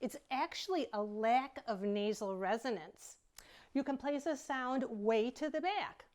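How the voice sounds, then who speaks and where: A woman's voice: on the high side, a little slow, a little mellow, no room sound. A woman choir director giving a friendly, enthusiastic video lesson on vocal technique.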